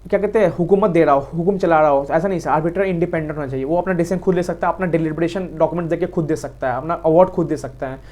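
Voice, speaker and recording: Fast-talking Indian man teaching law. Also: a little high, a little mellow. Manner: quick, repetitive, addresses students as sir. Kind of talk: fast exam revision lecture.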